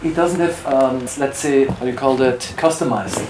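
Man, fashion designer, halting word-searching speech, roomy echo, faint noise. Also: medium pitch. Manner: halting, searching for English words. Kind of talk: casual interview.

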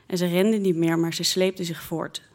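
A woman slowly and expressively telling a personal childhood story in the first person. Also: fairly low pitch. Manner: slow, lively, expressive storytelling.

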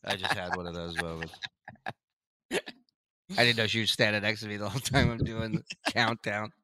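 Bright-voiced joking podcast host. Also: male voice, on the low side, steady tone, normal speed, no room sound. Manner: joking, profane banter. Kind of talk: casual podcast chat.

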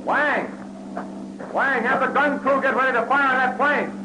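An actor playing a brash, decisive American adventurer in a 1940s radio drama, punchy and commanding, on a noisy vintage recording. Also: male voice, extremely high pitch, fairly even intonation, moderate pace. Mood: urgent, commanding.

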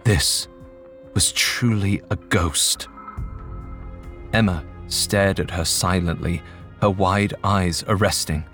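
A man tells a ghost story in a measured, suspenseful manner. His voice sits low and his pace is very slow and deliberate. Faint music plays beneath the narration. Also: a bit bright.

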